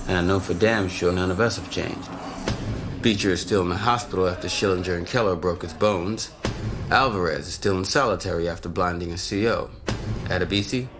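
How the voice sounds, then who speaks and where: An actor playing a world-weary prison inmate who narrates in a blunt, sardonic, profane way. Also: male voice, low-pitched. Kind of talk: scripted TV drama monologue. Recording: audible background noise.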